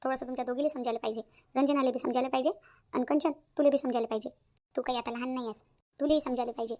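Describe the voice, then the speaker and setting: A woman's voice: high-pitched, fairly even intonation, rapid-fire, warm tone. A woman doing Shantabai, a lecturing elder aunt. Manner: lecturing, admonishing.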